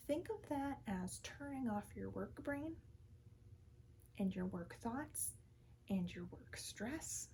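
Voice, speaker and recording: A woman in an ASMR role-play as a calm, soothing counselor, speaking softly and often in a breathy soft voice, gently reassuring in short repeated phrases. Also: on the high side, a little hiss or hum, low-quality recording. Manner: calm, soothing therapist manner.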